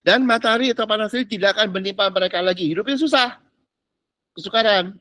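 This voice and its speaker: A male pastor preaches in a loose, slangy way, firing off rhetorical questions and dropping in English phrases. His voice sits high for a man. The sound is dry and close, with no room echo. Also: fast, pushed and bright. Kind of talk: sermon.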